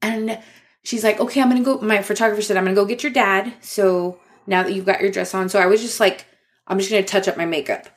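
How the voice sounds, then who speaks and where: A woman's voice: medium pitch, steady tone, fast. Young woman co-host, casual storyteller, giggly and full of fillers. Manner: chatty, laughs often, many likes and ums. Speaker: podcast co-host.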